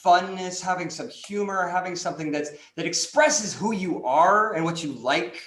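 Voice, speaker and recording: A man's voice: high voice, normal speed, a bit bright, reverberant. A man joining an online class, rambling and repeating words, with lots of "like" fillers. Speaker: class participant.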